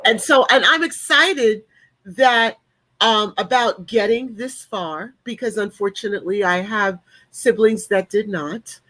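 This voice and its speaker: A woman's voice: mid-range voice, unhurried, fairly bright tone, poor audio. A woman in her late sixties, upbeat and chatty, speaking on a panel video call with frequent ums. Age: 60s. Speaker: panelist and leadership coach. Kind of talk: casual online panel talk.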